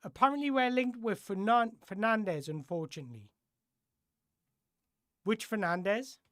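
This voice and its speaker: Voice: medium pitch, animated, a little slow, a bit bright, dry recording, clean studio sound. A live-stream football host chatting casually through viewer questions, rambling and correcting themself as they go.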